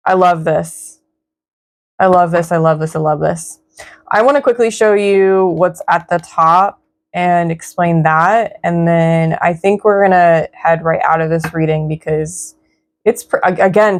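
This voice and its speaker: A young woman giving a casual tarot reading in a reflective, encouraging way. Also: on the low side. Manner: slow, reflective, spiritual, encouraging. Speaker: tarot reader.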